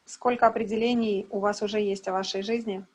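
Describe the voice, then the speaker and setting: A woman's voice: mid-range voice, steady tone, fast, a little mellow. A woman interpreter giving a live consecutive translation voice-over on a video call. She renders each line plainly, with brief hesitations and self-corrections. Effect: live consecutive translation voice-over into Russian.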